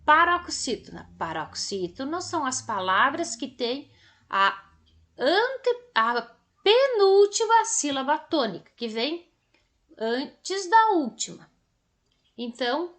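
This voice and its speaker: A woman primary school teacher with a Brazilian Portuguese accent, giving a recorded lesson to children in a slow, didactic way that stretches words out for emphasis. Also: sits high, a bit bright.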